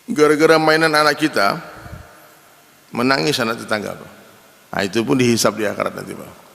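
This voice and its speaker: Gravelly preacher in a big echoing hall. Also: male voice, mid-range voice, brisk. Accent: Indonesian. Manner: lively storytelling, addresses the men in the audience as "Pak". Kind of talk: sermon. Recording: long hall reverb.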